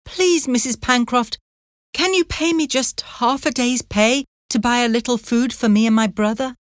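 A woman putting on a frightened, protective girl, lifting her voice high and thin. She begs softly and comforts gently, in a dry close reading. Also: moderate pace, dry recording, lightly acted. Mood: pleading. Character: desperate poor girl, protective older sister.

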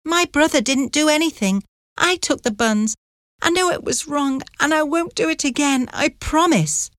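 A woman's voice: sits high, normal speed, no room sound, clean studio sound, pitched above the performer's own voice, natural voice. A woman voicing a pleading poor young girl. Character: desperate poor girl, protective older sister.

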